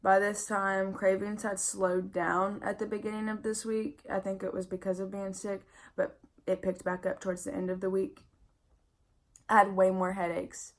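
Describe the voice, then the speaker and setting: A woman's voice: medium pitch, monotone, normal speed. A young pregnant woman giving a casual vlog update, candid and chatty, full of "like" fillers, sounding tired. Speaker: vlogger.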